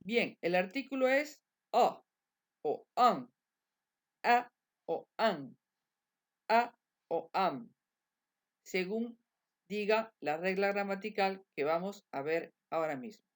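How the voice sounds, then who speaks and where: A woman, teaching English grammar in a slow, repetitive bilingual lesson. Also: mid-range voice, expressive. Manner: slow, repetitive drilling of examples.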